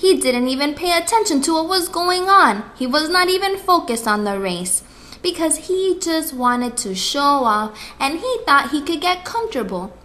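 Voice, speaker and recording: A young woman telling a fable aloud in an expressive, sing-song way. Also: high voice, normal speed. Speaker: storyteller. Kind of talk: read-aloud fable narration.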